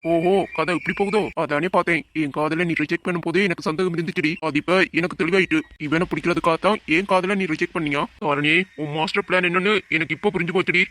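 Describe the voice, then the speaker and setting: A man's voice: on the high side, fairly even intonation, fast talker, few pauses, fairly bright tone, a little hiss or hum, close to an everyday voice. A man playing a bitter, possessive young man who plots after being rejected in a Tamil audio drama.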